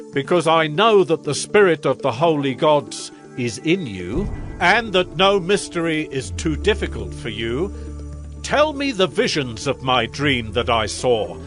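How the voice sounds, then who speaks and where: Grandiose King Nebuchadnezzar, swooping slow delivery. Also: fairly high pitch, a bit bright, full character voice. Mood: commanding, solemn. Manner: declamatory, solemn, measured royal delivery. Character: proud, grandiose ancient Babylonian king, awed by wonders. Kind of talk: dramatized audio scripture acting.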